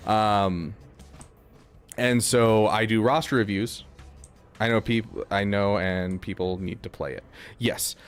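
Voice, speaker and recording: A man's voice: on the low side, steady tone, takes it slowly, pauses often, clean tone, soft background music. A man streaming a video game, chatting casually and rambling with lots of fillers. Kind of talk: casual gaming stream chat.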